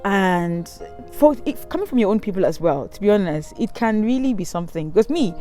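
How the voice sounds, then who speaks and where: Her dark-toned, medium-pitched voice has a brisk, sing-song lilt, with soft music playing underneath. The young woman from Cameroon is outdoors by a river, camera in hand at arm's length, chatting through a casual storytime that wanders and restarts, thick with ums.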